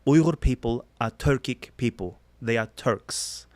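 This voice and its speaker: A man is the guest on a studio podcast, explaining things in a friendly, easygoing way with plenty of fillers. His voice is smooth and clear. The recording is dry and close. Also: medium pitch, unhurried, a little mellow, no room sound. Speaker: guest, human rights activist. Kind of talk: podcast interview.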